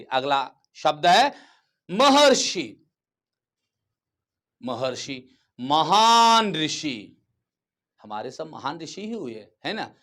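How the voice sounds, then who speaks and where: Male teacher, slightly high, very animated pitch, deliberate pace, drawn-out examples, constant comprehension checks. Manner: repeats words slowly and checks understanding. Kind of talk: classroom grammar lesson.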